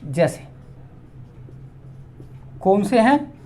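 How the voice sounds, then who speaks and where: A man teaching a grammar lesson, slowly spelling out and repeating each vowel sound. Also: sits high, sing-song, warm tone.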